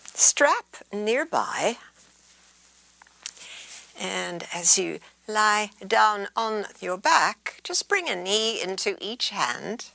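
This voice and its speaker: In a mid-range voice, a woman leads a yoga session, soothing and unhurried as she guides relaxation and gentle stretches, sometimes slipping into breathy near-whispers.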